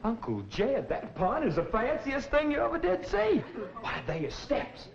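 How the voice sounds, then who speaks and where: A man's voice: extremely high pitch, wildly swooping pitch, normal speed, vocal fry, heavily acted. An actor playing a naive, earnest young backwoods man with folksy rural speech in a vintage sitcom. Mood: earnest, insistent. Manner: folksy rural speech, wide-eyed insistence. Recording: dull vintage TV soundtrack, noisy audience.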